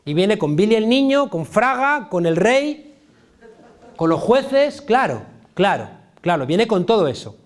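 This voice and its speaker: A middle-aged political science professor from Spain delivers an impassioned public lecture in a Spain Spanish accent, leaning on emphatic, colloquial repetition. His voice sits high and is very animated, though a little slow.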